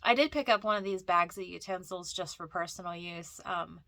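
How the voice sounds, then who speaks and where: Here a woman with a cold chats her way through a thrift store, her voice nasal and congested, full of fillers, restarts and rambling asides. She speaks at a normal pace in a lowish, fairly bright voice with no echo.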